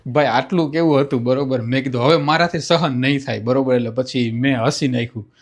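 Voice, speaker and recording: A man's voice: mid-range voice, fairly even intonation, fairly quick. A young man, chatting casually to viewers in a vlog and coaxing someone to stop crying. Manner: coaxing, pleading. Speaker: vlogger.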